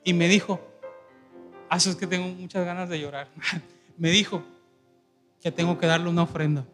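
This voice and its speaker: A man's voice: high-pitched, moderate pace, soft background music. A man pastor, telling a story in a sermon and acting out the voices in it, laughing as he goes. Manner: animated, acts out quoted voices, laughs while telling.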